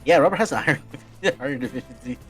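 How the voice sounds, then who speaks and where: A man's voice: on the high side, quick pace, soft background music. A young man co-hosting a let's play, chatting casually and laughing, often slipping into silly voices for his stories. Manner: animated, laughing, puts on voices in anecdotes. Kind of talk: casual gaming chat.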